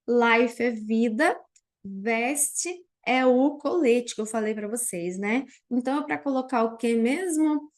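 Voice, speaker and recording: Slow, high-voiced Brazilian teacher woman. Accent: Brazilian Portuguese from Paraná. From Paraná, Brazil. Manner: drills English words slowly and repeats them for learners. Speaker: English teacher. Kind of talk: online vocabulary lesson.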